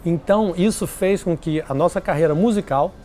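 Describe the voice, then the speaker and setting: Man, interview guest, animated storyteller, slightly high pitch, faint background noise. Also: normal speed. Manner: animated, acts out quoted voices.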